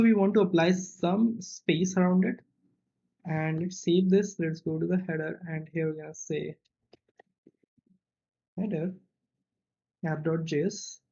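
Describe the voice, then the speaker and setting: Speaking on the high side with a slightly mellow tone, a coding tutorial instructor works through a lesson unscripted, reasoning aloud and often tacking on a brief questioning tag. The recording's high frequencies are cut off.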